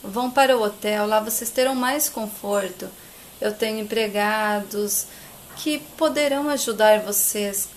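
A woman's voice: mid-range voice, measured pace, slight background noise, natural voice. A woman voicing a remorseful mother who pleads with her grown son. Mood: pleading. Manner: pleading, subdued.

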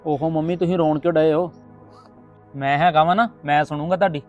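A man's voice: on the high side, fairly even intonation, fairly quick, a little mellow, highs cut off, soft background music, lightly acted. A man playing a young husband caught between his wife and his mother. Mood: earnest. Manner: earnest, pleading. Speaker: husband and son. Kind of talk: family skit acting.

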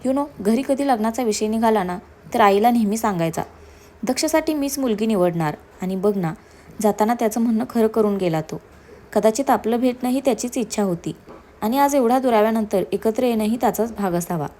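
A woman's voice: on the high side, expressive, brisk, close to an everyday voice. Woman voicing a tender teasing young man. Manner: soft, affectionate, playful. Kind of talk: storybook narration.

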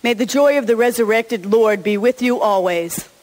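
A woman's voice: fairly high pitch, moderate pace, a little mellow. Woman pastor, Easter sermon, encouraging and chatty, long reverb from a large sanctuary. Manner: chatty and encouraging, often chuckling. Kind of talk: Easter sermon and children's message.

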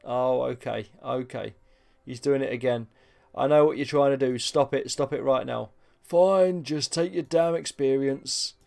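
A man's voice: mid-range voice, unhurried, gravelly, hardly any pauses, a little mellow. A man giving casual, sarcastic commentary while playing a game and bantering with it. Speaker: let's play host.

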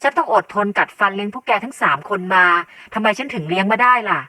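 A woman's voice: lowish voice, fairly quick, bright, forceful tone, no room sound, recorded from a distance. A woman voicing a stern middle-aged single mother who speaks firmly in an audio novel. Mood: tearful anger. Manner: firm, scolding.

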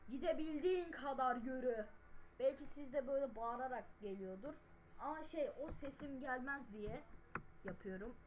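A woman yelling and swearing her way through gameplay commentary. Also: high voice, moderate pace, lo-fi sound, a little hiss or hum. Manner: loud, yelling and cursing. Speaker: gamer. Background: game music.

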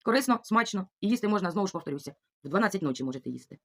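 A woman's voice: mid-range voice, expressive, very fast. A middle-aged woman from Ukraine chatting casually in a vlog, reading out viewer comments and thanking each one again and again. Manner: warm, chatty, repeats thanks over and over. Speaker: vlogger answering viewer comments. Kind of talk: casual chat.

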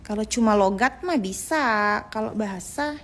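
A woman's voice: mid-range voice, expressive, normal speed, a little hiss or hum. A woman chatting casually at home on a phone livestream, answering viewer comments and often searching for words as she rambles on. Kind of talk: casual live chat.

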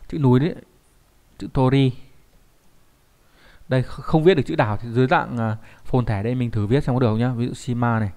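A man teaches kanji in an online lesson. His pitch sits in the middle range. He keeps checking in with the class through rhetorical questions as he explains. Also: a little fast, long pauses, dark tone.

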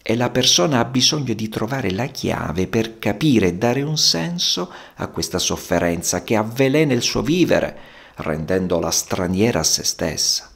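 A psychotherapist giving a slow, contemplative monologue in measured, poetic phrasing. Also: male voice, lowish voice, vocal fry.

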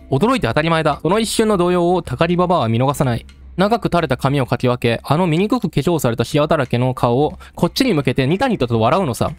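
A man voicing a rough-talking male storyteller who taunts the listener in coarse street speech. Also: a little high. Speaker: game let's-play narrator.

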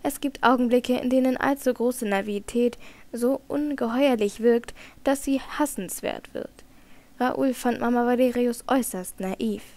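A woman reading a classic novel aloud as an audiobook narrator, in measured storytelling. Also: fairly high pitch, a little mellow. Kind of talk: scripted narration.

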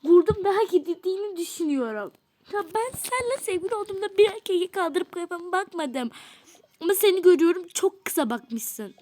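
A woman's voice: extremely high pitch, animated, brisk, a little mellow, pitched above the performer's own voice. A woman voicing an angry teenage girl who scolds her boyfriend with exasperated sighs in a doll role-play story. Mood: scornful. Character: angry teenage girl, hurt and scornful girlfriend.

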